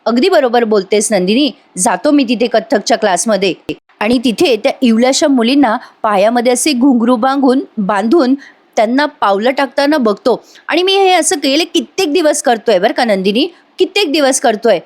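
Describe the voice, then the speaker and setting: A woman's voice: a little high, animated, normal speed, natural voice. A woman reading out the lines of a hurt young husband who pours out his grief and reproach. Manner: wounded, reproachful, heartfelt.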